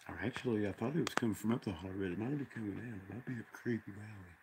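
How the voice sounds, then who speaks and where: A man's voice: on the low side, racing, vocal fry, a little mellow, a little hiss or hum. A man with an Appalachian accent and a folksy country way of talking, giving casual rambling commentary on a live stream. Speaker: livestream host. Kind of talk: casual rambling commentary over field footage.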